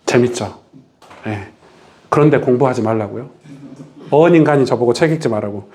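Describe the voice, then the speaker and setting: A man's voice: medium pitch, fairly quick. A male pastor giving a Bible study lecture in a church, often asking his listeners questions. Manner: animated, asks the audience questions.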